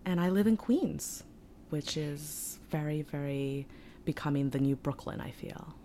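A woman's voice: deep voice, unhurried, dark tone, a little hiss or hum. An American woman in her thirties chatting casually as a podcast guest, playful and self-deprecating. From New York and Ohio, United States. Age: 30s. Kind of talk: casual chat.

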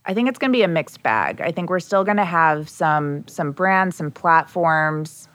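Woman in her thirties, low pitch, dry close mic; upbeat guest explaining trends in a casual podcast chat. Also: expressive, normal speed, fairly bright tone, dry recording. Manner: upbeat, laughs often, explains trends with examples. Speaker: podcast guest, strategy executive.

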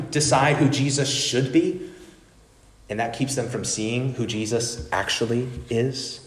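A man preaching a sermon as pastor, wry and conversational. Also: medium pitch. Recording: roomy church echo.

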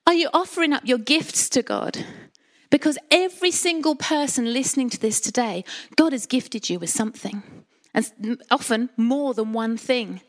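A woman's voice: fairly high pitch, normal speed. A middle-aged woman with an Essex accent giving a sermon, chatty and colloquial, with personal stories and rhetorical questions. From Essex, England. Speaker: church preacher.

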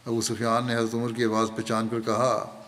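A man delivering a Friday sermon in Urdu, telling the story at a measured pace and slowing down to recite Arabic phrases. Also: medium pitch, monotone, fairly bright tone. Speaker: spiritual leader giving a Friday sermon. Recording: long hall reverb, faint background noise.

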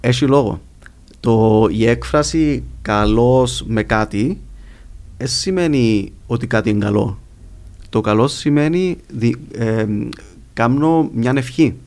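A man's voice: medium pitch, darkish tone. Man with a Cypriot Greek accent, explaining. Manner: explanatory, illustrates points with examples. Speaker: guest linguist. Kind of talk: conversational explanation in a podcast interview.

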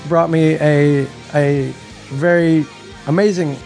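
High-voiced man with a phlegmy, chesty rattle. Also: fairly even intonation, takes it slowly, gravelly, darkish tone, soft background music. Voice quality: phlegmy, congested voice. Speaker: podcast host. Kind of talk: casual comic-book podcast chat.

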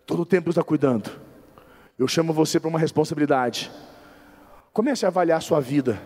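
A man's voice: fairly high pitch, a little fast, darkish tone, husky, in a large hall. A man preaching a sermon as a bishop, emphatic and repeating phrases for stress.

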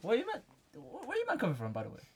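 A young man with a London roadman accent and a high, very lively voice. He banters casually in slang and teases, in a busy room full of people talking. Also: rapid-fire, crowd noise. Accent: London roadman, urban multicultural London slang accent. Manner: animated, slangy, teasing. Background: group of friends talking over each other.

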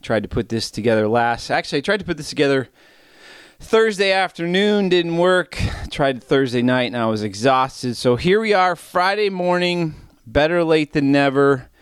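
A man's voice: fairly high pitch, animated, moderate pace, smooth, no room sound, clean studio sound. A middle-aged man hosting a sports betting podcast, a bit out of breath and rambling off on tangents in casual solo chat. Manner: rambling, self-deprecating, goes off on tangents.

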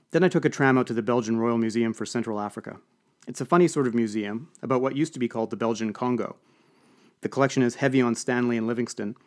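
Wry male audiobook narrator. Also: medium pitch. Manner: dry, wry storytelling.

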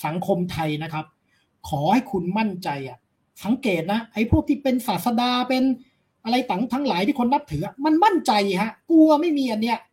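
A man's voice: very high-pitched, sing-song, brisk, darkish tone. A man, a philosophy lecturer, talking bluntly and confidently with crude casual speech in an interview.

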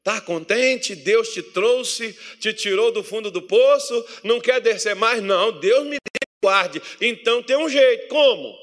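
A man with a Brazilian accent preaching a sermon in church as pastor, animated and humorous, acting out the voices of worried believers. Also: high voice, a little slow. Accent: Brazilian Portuguese.

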